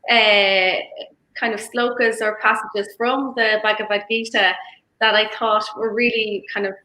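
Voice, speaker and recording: Female yoga instructor, informal interview guest, bright tone, echoey recording. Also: mid-range voice, level tone, measured pace. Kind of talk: reflective conversational interview. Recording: roomy, echoey sound.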